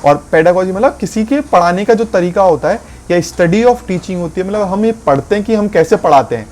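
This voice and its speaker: A man explaining English vocabulary in a lesson, slowing down to spell out and stress key words. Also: a little high, darkish tone, slight background noise.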